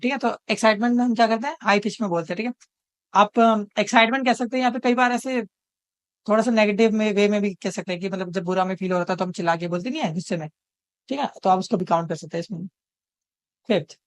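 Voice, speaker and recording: A woman's voice: mid-range voice, no echo. Woman tutor constantly checking in. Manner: reads quiz questions slowly, checks in constantly. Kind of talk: exam-prep lesson.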